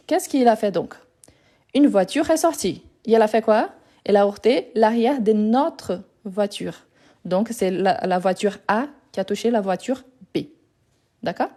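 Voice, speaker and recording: A woman's voice: mid-range voice, warm tone. A woman teaching a live grammar lesson over her phone, explaining patiently, repeating words and correcting herself as she goes. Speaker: French teacher.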